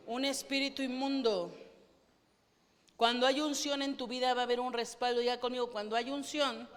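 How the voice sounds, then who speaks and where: A woman's voice: a little high, a bit bright. Fervent woman pastor preaching. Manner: fervent, asks the congregation questions. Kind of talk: sermon. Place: church. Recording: long reverb of a church hall.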